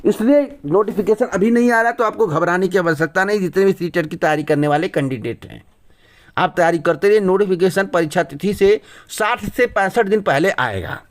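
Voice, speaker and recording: A man with a noticeably high voice hosts an exam news channel and talks straight to his audience. He argues his points emphatically and keeps asking rhetorical questions. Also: expressive, fairly quick. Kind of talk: direct-to-camera news commentary.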